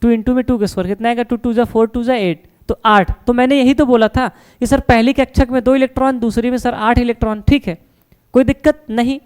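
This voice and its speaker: A man with a smooth, clear voice teaches a science lesson at the board. He keeps firing questions and answering them himself, calling his students "beta" and "sir" and reassuring them that nothing is hard. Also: very high voice, steady tone, brisk, a little mellow. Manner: reassuring, repeats "no problem".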